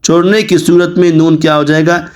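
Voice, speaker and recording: A man teaching the rules of Quran recitation in a Pakistani Urdu accent, explaining plainly and reciting examples slowly. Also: a little high, fairly even intonation. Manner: clears his throat now and then.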